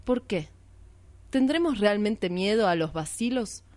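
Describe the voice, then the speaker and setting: Brief: woman radio host, measured reflective reading, dry close sound, mid pitch. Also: lively intonation, a little mellow, no echo. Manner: measured, reflective, posing and answering her own questions. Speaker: radio art show host. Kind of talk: slow literary reading for radio.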